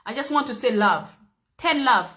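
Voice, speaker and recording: A woman's voice: fairly high pitch, animated, moderate pace, sharp tone. A young Ugandan woman with a Ugandan accent hosting a casual livestream chat, playful and teasing, laughing often with her viewers. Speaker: livestream host.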